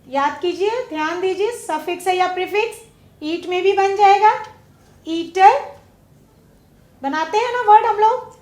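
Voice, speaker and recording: A woman with a very high voice leads a classroom lesson. She questions her pupils and lingers over each example word. The room around her echoes. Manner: slow, drawn-out stress on example words; asks pupils questions and waits. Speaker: teacher. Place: studio classroom.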